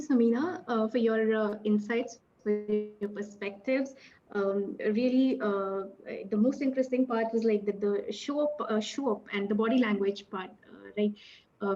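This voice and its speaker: A woman's voice: mid-range voice, warm tone, muffled recording. A woman with an Indian English accent moderating a virtual panel discussion, hesitant, with many filler sounds. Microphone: video call.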